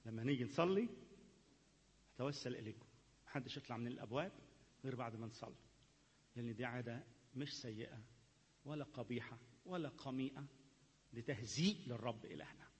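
A man with an Egyptian Arabic accent, a pastor preaching and leading prayer, fervent and repetitive, moving between hushed pleading and loud calls. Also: medium pitch, fast, long pauses, slightly rough, long reverb tail. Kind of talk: sermon and led prayer.

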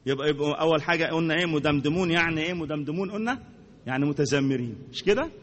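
A man with an Egyptian accent preaching a sermon to a congregation, animated, repeating words for emphasis and asking his listeners questions. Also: on the high side, rapid-fire, big-room sound. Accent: Egyptian Arabic.

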